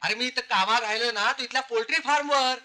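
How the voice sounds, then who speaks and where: An actor playing a cheeky young graduate posing as a servant, joking and wheedling. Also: male voice, very high voice, fast, bright, forceful tone, heavily acted. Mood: jokey. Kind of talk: 1970s film comedy acting.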